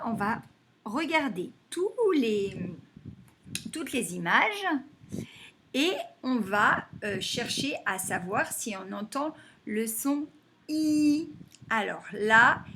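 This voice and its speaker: A woman teacher giving a phonics lesson to young children, saying words slowly and clapping them out syllable by syllable. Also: a little high, bright, forceful tone, slight background noise. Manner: slow and deliberate, stretching and clapping out words syllable by syllable.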